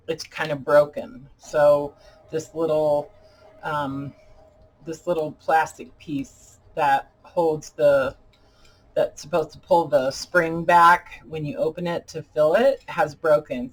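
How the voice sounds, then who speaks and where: A woman chatting casually as a craft video host, halting and deliberate, her speech slightly impeded by dentures as if her mouth were full of peanut butter. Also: low voice, fairly even intonation, slight background noise, rough recording. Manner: halting, deliberate, pausing often. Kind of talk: casual chat tutorial.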